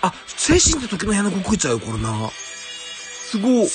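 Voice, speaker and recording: An excitable man with a broad Kansai accent chatters through his game pulls, his voice leaping wildly from low mutters to high yelps. He exclaims and muses aloud in a loose, casual way. Game music plays clearly underneath. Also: fairly quick. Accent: Kansai Japanese. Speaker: gaming YouTuber.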